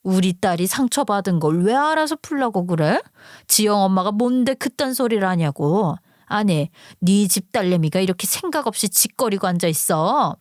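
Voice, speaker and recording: A woman's voice: medium pitch, animated, normal speed, dry recording, studio quality, close to an everyday voice. A woman voicing a hot-tempered middle-aged single mother who scolds harshly in a dramatized story. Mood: indignant. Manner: combative, scolding, rough-tongued. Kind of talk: storytelling acting.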